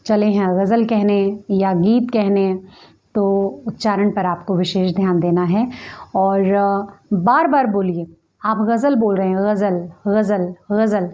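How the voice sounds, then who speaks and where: A woman's voice: mid-range voice, warm tone. A woman giving a conversational lesson on poetry, patiently explaining and repeating words to show how they should be pronounced. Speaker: ghazal and poetry teacher.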